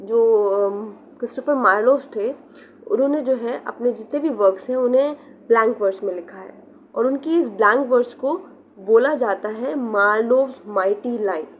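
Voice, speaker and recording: Young woman, exam-prep lecturer, patient step-by-step explainer, slightly high pitch, light background noise. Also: normal speed, dull audio. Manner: explains step by step, repeats key terms, mixes in English. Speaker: literature teacher.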